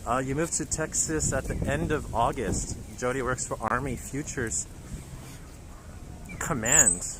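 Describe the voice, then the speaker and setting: On a casual livestream walking tour through city streets, a man from Japan speaks at a medium pitch in an unhurried way, chatting and reading viewer comments. The outdoor recording carries traffic and street noise throughout.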